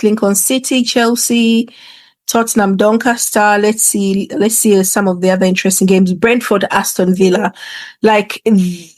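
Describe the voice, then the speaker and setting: A woman's voice: mid-range voice, a little mellow, no echo. A woman hosting a football show, commenting casually in an informal, conversational way with hesitant asides. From England. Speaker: football podcast host.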